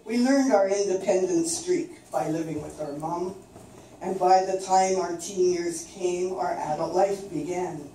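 At an open mic in a small, dimly lit indoor space, an older woman from coastal British Columbia, Canada, reads her poems aloud at a slow, measured pace. Her warm voice sits on the low side, and the far-off camera recording is distant and very echoey, with a little faint noise.

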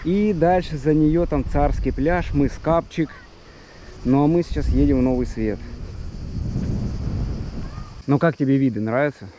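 A man's voice: a little high, a little slow, long pauses, dull audio. A man in his thirties casually narrating a travel vlog outdoors in a chatty way, pointing things out to viewers on a handheld action camera. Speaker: travel vlogger. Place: outdoors on streets and roadsides. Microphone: handheld action camera at arm's length. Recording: clear outdoor traffic and ambient noise.

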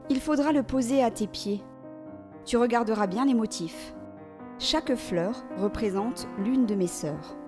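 A woman voicing a gentle, loving mother giving last advice in a storybook reading. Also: fairly high pitch, unhurried, over music, close to an everyday voice. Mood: tender.

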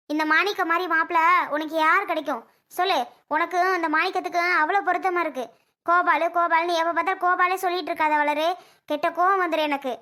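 Woman as scolding elder sister: very high, piercing. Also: bright, forceful tone. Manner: scolding, lecturing, rising shrill outbursts. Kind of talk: homemade family drama skit.

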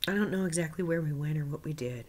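A woman recounting a meditation experience unscripted, halting with frequent restarts and often sinking into a soft whisper, laughing now and then. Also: low voice. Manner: laughs often, excitable in places. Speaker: spiritual author recounting a meditation.

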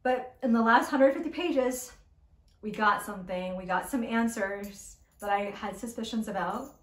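A woman's voice: a little high, moderate pace. A woman giving a casual, blunt and opinionated monthly book review, swearing freely as she talks. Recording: roomy echoey room.

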